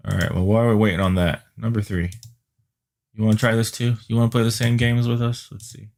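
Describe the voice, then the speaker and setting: A man's voice: on the low side, level tone, a little fast, gravelly, a little mellow. A man teaching a live-streamed IT class, muttering and grumbling at the computer while he reads out network addresses as he types. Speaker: IT instructor.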